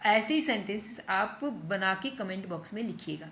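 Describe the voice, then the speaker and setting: A woman teaching spoken English. She says each example sentence slowly, explains it in Hindi, and keeps checking that her students follow. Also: medium pitch, lively intonation, a bit bright, echoey room, a little hiss or hum. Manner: repeats phrases and asks rhetorical checks.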